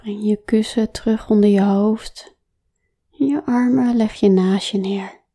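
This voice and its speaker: A woman guiding a slow body-awareness exercise, speaking softly and calmly, often in a whisper. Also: medium pitch. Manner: soft, calm, often whispering. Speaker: relaxation guide.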